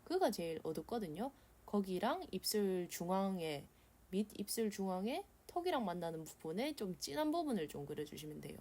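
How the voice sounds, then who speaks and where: A woman with a mellow, medium-pitched voice and a regional South Korean dialect narrates a casual drawing tutorial, talking in a blunt, chatty, colloquial way.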